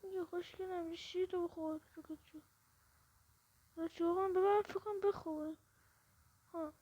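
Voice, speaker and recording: Woman streamer, very high voice, nervous and self-questioning while gaming, muffled lo-fi sound. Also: steady tone, dark tone. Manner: jumpy, panicky, repeats questions to herself. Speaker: gameplay video host. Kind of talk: casual horror game commentary. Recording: muffled lo-fi recording.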